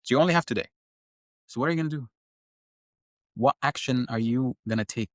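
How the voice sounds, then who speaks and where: A man's voice: medium pitch, brisk, no room sound, clean studio sound. A young man talking as a podcast guest, earnest and impassioned, often repeating words as he searches for the next one. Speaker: guest, engineer and science teacher. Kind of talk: conversational podcast talk on faith.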